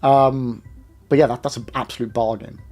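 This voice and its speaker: A man's voice: medium pitch, steady tone, normal speed, a little mellow, faint music behind. A young man streaming live, rambling casually and talking straight to his chat. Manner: chatty, rambling, addresses chat directly.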